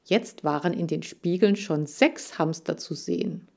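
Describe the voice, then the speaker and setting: A woman reading a children's audiobook in a calm, careful storytelling manner. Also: fairly low pitch, measured pace, vocal fry. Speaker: audiobook reader.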